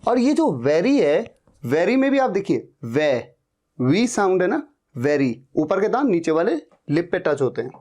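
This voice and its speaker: A man teaching English pronunciation, drilling each word slowly and saying it again and again. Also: high voice, big pitch swings, a little mellow. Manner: drills words slowly, repeating them. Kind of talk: pronunciation lesson.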